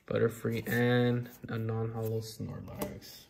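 A man's voice: fairly low pitch, level tone, slow pace, vocal fry, darkish tone. A young adult man chatting casually and bantering with lots of slang and swearing as he hosts a pack opening. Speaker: host of card pack opening video. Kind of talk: casual chat while opening card packs. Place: indoors at a tabletop. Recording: noisy room with card and wrapper crinkling.

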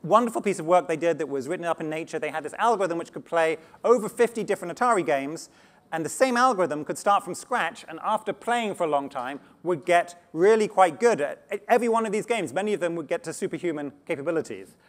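A man giving a conference talk on slides, animated and often restarting words, speaking to a live audience. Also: on the high side, quick pace. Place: conference stage before an audience.

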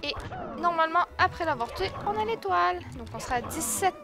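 A woman's voice: extremely high pitch, lively intonation, fairly quick, gravelly. A young woman commentating her own gameplay, shrieking at setbacks and scolding the game character. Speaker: let's play gamer. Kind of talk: excitable gaming commentary. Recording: game music playing behind her voice.

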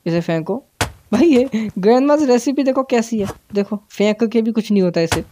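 A man giving live gameplay commentary for his channel, tense and excitable, dropping English words into his play-by-play. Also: high-pitched, moderate pace, slight background noise. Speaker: gaming channel host.

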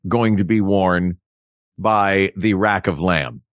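A man co-hosting a comedic podcast, talking in a playful, animated way and building up his jokes. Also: low voice, slow pace, no room sound. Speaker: podcast co-host. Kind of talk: comedic casual chat.

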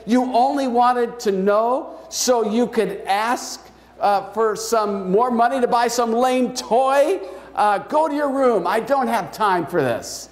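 A man's voice: sits high, very animated, fairly quick, few pauses. A man speaking as a tired, irritable father who snaps at his son, in a story told from the pulpit. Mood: irritated. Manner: curt, snapping. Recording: echoey church hall.

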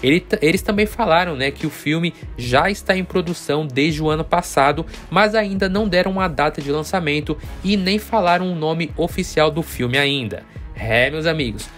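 A Brazilian man hosts a bodybuilding news channel, narrating casually in a fairly bright, somewhat high voice. He's chatty and speaks directly to his viewers as though they were friends.

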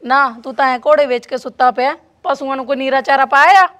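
A woman's voice: high-pitched, fast talker, a bit bright. A woman acting a nagging wife who quarrels with her lazy husband in a comedy short film. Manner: nagging, argumentative.

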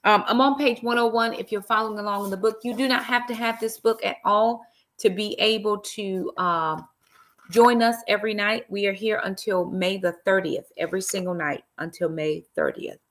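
The host, a middle-aged woman and author, speaks at a medium pitch and moderate pace with a fairly bright tone. She streams casually via laptop webcam from an armchair in a small room, saying "y'all" and tossing out praise interjections.

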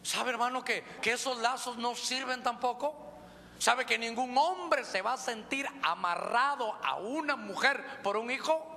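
A male pastor with a Honduran accent, preaching a lively, joking sermon and calling listeners brother. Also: extremely high pitch, unhurried, vocal fry. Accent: Honduran Spanish. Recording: reverberant church hall, faint noise.

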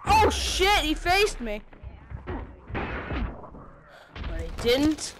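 A woman giving casual gameplay commentary, excitable and swearing, making silly sound effects. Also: sits high, extremely slow, very noisy. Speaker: gamer playing on stream.

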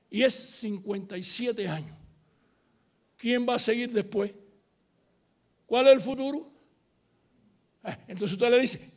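An older man giving a conference lecture, telling anecdotes and acting out the dialogue. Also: extremely high pitch. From Cuba. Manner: storytelling, animated, acts out dialogue. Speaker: university lecturer giving a keynote.

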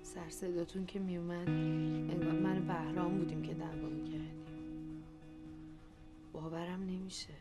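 A woman's voice: lowish voice, little pitch movement, long pauses, loud music behind the voice, lightly acted. A woman playing a touchy, caring friend. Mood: sympathetic. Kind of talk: film drama acting.

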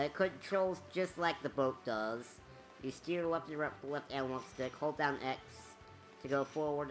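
A woman's voice: rumbling low, sharp tone. A woman giving casual, rambling commentary over a game walkthrough, chatty with many fillers.

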